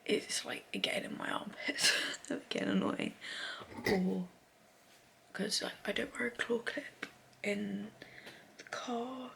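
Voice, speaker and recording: Whispering young British woman, gravelly. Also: a little high. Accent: British English. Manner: soft unvoiced whisper, rambling and chatty. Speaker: vlogger. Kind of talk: whispered casual day-in-the-life chat. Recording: noisy home recording.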